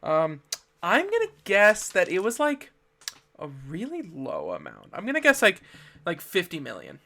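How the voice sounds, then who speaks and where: Bright, animated man in casual chat. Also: high voice, normal speed, vocal fry, slight background noise. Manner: animated, laughs often while talking. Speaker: podcast co-host.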